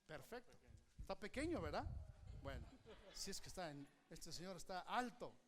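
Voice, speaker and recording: A pastor with a strikingly high voice delivers a lively sermon. He calls on the congregation to repeat key phrases after him. He also uses a prop and a volunteer as live illustrations. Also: normal speed. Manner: animated, has the congregation repeat phrases back.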